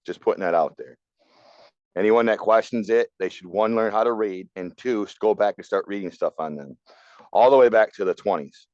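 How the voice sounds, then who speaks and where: A man with a lowish, smooth voice gives blunt, opinionated takes in casual podcast talk. The sound is dry and a little dull, as from a modest lo-fi setup. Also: normal speed, a little mellow, no echo. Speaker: podcast co-host.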